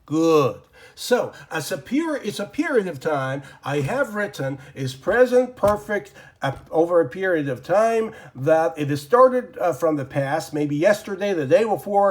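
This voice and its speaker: A native speaker of Persian teaches a casual English grammar lesson at his desk, his voice a little high. He wanders off track, leans heavily on fillers, and mutters to himself while he draws.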